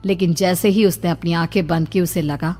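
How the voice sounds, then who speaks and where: Low, mellow woman narrator. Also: fairly even intonation, normal speed, faint music behind. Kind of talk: scripted storybook narration.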